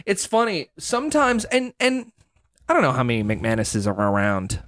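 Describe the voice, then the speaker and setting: Dude cracking jokes on a podcast, voice bouncing all over, dry close sound. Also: male voice, huge pitch swings, normal speed, a bit bright, no room sound. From Louisiana. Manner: joking, swings wildly in pitch, slips into mock voices. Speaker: podcast co-host. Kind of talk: casual chat.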